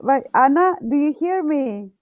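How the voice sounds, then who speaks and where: A woman's voice: high-pitched, animated, unhurried, dry recording, phone-quality sound. A woman chatting casually on a group call, heard through thin call audio.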